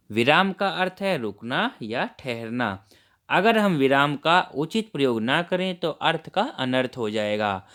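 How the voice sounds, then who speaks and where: A male teacher talks young children through a worksheet lesson, greeting them warmly and explaining each point step by step. His voice is smooth and clear, at an everyday middle pitch.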